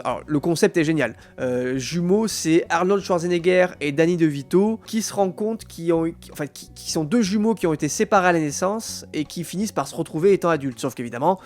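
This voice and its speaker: A man hosting a live stream, chatting casually about films and addressing his viewers with many fillers. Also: fairly high pitch. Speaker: streamer host.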